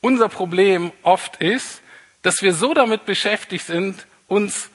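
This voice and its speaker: A man's voice: sits high, a little slow, a bit bright, slightly rough. A man preaching a sermon in a conversational way, repeating his key points for emphasis. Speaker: pastor.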